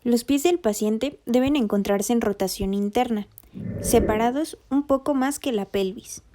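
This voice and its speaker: A woman narrates a rehabilitation lesson in a steady, methodical read. Her voice sits a little high yet sounds mellow and warm. She sounds like a studio voice-over. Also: a little slow. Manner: even, methodical reading of anatomy terms. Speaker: rehabilitation instructor. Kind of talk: scripted educational narration.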